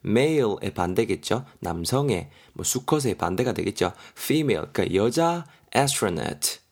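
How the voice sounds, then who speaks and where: Husky low-voiced man teaching English. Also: sing-song, slow. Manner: chatty, explains step by step, spells words letter by letter. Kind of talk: podcast English lesson, explaining words and spelling.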